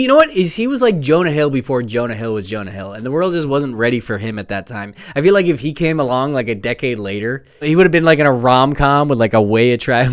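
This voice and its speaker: Podcast co-host, male, animated and smooth-voiced, mimics characters. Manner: animated, swearing, acts out movie lines in high voices. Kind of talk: casual movie chat.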